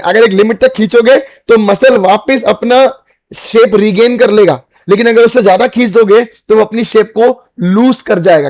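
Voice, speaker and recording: Indian guy teaching bio, pretty high voice, keeps asking "got it?" and repeating stuff. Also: darkish tone. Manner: repetitive, asks students if they understood; calls students "beta" and "bhai". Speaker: biology teacher. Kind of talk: exam-prep lecture.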